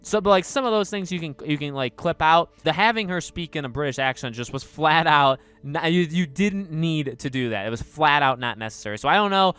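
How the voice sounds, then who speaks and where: Animated rambling man, smooth voice. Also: fairly high pitch, a little fast, few pauses, soft background music. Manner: animated, rambling with many restarts and fillers. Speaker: podcast host. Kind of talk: casual opinion commentary.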